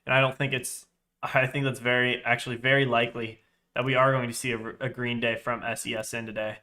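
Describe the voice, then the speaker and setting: On a live trading stream, a young man reads chat aloud and rambles, often correcting himself. His congested, stuffy voice sits at medium pitch with a flat delivery, a slightly fast pace, and a pushed, bright quality.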